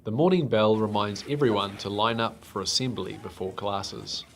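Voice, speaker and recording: A man giving calm, measured scripted narration for an educational documentary. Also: on the low side, creaky.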